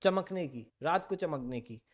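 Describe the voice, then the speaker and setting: A male biology teacher giving an exam-prep lecture, asking questions and answering them himself, reading textbook lines slowly and then explaining quickly and playfully. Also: on the high side, expressive. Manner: asks questions and answers them himself, mixing Hindi with English terms.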